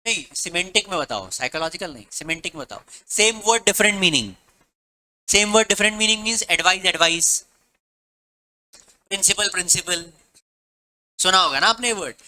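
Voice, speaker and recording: Bright-voiced male teacher quizzing his class. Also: sits high, expressive, moderate pace, long pauses, rough recording. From Rajasthan, India. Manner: mixes Hindi and English, quizzes students with repeated questions. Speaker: commerce teacher. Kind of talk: classroom lecture. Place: classroom with students.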